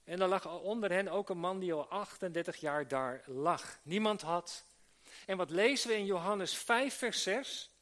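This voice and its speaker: A man with a high voice preaches earnestly to a gathered group. He restarts his phrases often and asks rhetorical questions as he goes. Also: expressive, normal speed, fairly bright tone. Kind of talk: sermon to church workers. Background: live audience he addresses.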